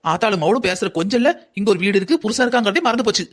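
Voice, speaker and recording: A man's voice: sits high, lively intonation, rapid-fire. A man voicing a stern middle-aged mother in a cartoon story who scolds her daughter with rhetorical questions. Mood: scolding.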